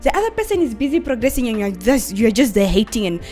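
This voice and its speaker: A woman's voice: a little high, sing-song, fast, a little mellow, soft background music. A woman contributing to a radio show, talking earnestly and asking rhetorical questions. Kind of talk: casual radio chat.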